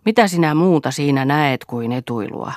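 A woman's voice: deep voice, expressive, a little mellow, no echo, studio quality. A woman reading the lines of a bitter, domineering husband who talks with scorn and blame. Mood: scornful. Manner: scornful, accusing.

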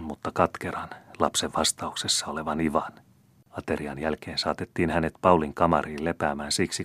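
A man narrates a classic novel in a steady, measured reading. His voice is very deep. The recording is dry and close, with no room echo. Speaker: audiobook reader. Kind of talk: scripted narration.

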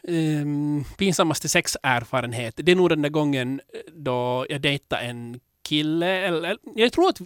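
A man hosting a podcast in casual chat, candid and rambling, with many restarts, growing animated when telling stories. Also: fairly high pitch, few pauses, clear, resonant tone, dry recording, clean studio sound. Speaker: podcast host.

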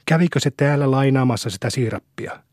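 A man putting on a shrill lamenting neighbor wife. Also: darkish tone, dry recording, clean studio sound, lightly acted. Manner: lamenting, shrill when triumphant. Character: flustered, preachy neighbor woman, middle-aged.

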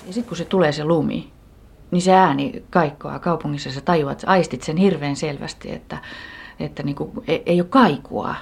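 A woman talking casually and reflectively, sometimes dropping to a hush. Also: low voice, vocal fry, a little hiss or hum. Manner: dreamy, drops to a hush at times. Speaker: interviewee.

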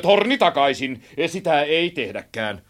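A blustering storybook police chief, voiced by a male reader, who bellows his orders and trips over his words in a quarrel. His voice sits high and swings about a great deal. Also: big pitch swings. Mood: shouting orders.

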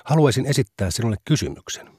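A man's voice: medium pitch, very animated, a little mellow, breathy edge, dry recording. Pushy goading man, insistent questions, dry close sound, man reading the part. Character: pushy, mocking young male provoker.

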